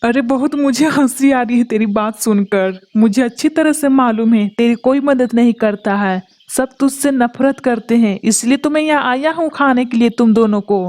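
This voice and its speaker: A woman's voice: a little high, normal speed, hardly any pauses, a little mellow, natural voice. A woman voicing a greedy, menacing male eagle in a cartoon, taunting and boastful. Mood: gloating menace. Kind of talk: Hindi cartoon voice acting.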